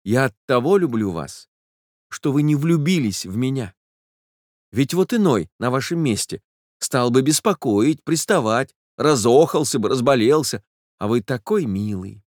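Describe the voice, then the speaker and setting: An eager, tender young woman, as a male reader puts her on, who speaks quickly and breaks into exclamations. She comes across in a close, dry audiobook reading. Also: mid-range voice, lively intonation, dry recording. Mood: affectionate. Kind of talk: audiobook character voice.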